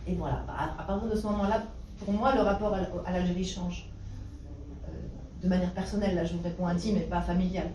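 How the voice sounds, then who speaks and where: A woman's voice: fairly low pitch, steady tone, fast, mellow. A French woman historian and university lecturer, answering questions in a thoughtful, hesitant way. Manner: thoughtful, many hesitations and restarts. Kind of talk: conversational talk answering questions. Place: meeting room. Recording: roomy echo from a distance, noisy room.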